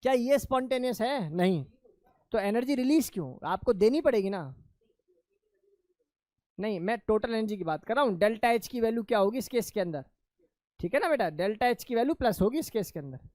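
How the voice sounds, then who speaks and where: High-voiced man quizzing his class. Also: animated, brisk, darkish tone, no echo. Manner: asks quiz questions and answers them himself; calls students "beta". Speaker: chemistry teacher. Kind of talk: classroom lecture.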